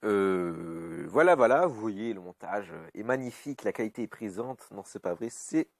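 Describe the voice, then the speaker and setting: A man giving live commentary over his own game, cursing often and swinging between high yelps and low grumbling. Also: animated, normal speed. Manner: swears freely, swings from yelps to grumbling mutters. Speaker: YouTube gamer.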